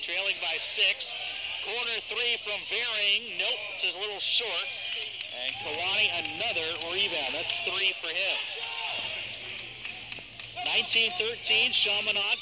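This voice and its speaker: A man in his forties calling live basketball play-by-play with rapid, excited calls of each play, in an arena. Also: sits high. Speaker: play-by-play commentator. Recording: loud arena crowd noise behind.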